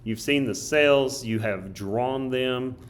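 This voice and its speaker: A male teacher with a hoarse, choked-up voice, casually thinking aloud as he walks through a study guide. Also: medium pitch, takes it slowly. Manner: casual, thinks aloud while drawing and writing. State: hoarse, coughing. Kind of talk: recorded study guide walkthrough.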